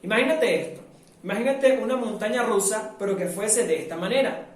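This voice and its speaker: A Venezuelan man runs a live online public speaking workshop in a brisk, high-sitting voice, lively and demonstrative as he acts out the sounds he describes. The mic is at a distance in a very echoey room.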